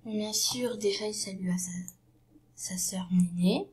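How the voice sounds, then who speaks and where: Slow and mid-range in voice, a woman with a cold talks through a story as she arranges her props, off the cuff. This vlogger trips up and starts over, relies on fillers, and repeatedly sinks into a breathy, hushed half-whisper.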